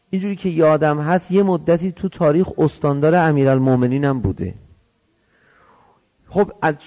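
A man whose voice is on the high side, with a darkish tone, delivers a religious storytelling sermon. He tells the story vividly, acting out the dialogue in changing voices.

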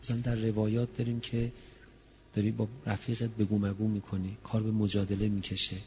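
Gravelly-voiced impassioned male preacher. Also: monotone, slight background noise. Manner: impassioned, shifts from soft intimate talk to high loud wailing. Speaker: preacher reciting a mourning recitation. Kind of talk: religious sermon rising into chanted lament.

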